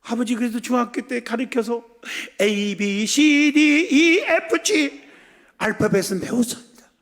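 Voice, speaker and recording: A poor young daughter pours out thanks to her father, earnest and eager, voiced by a male preacher in a sermon. The voice swings widely and carries a raspy grain. It echoes through a large church hall. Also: high-pitched, lively intonation, a little fast, full character voice. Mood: grateful. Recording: long church hall reverb.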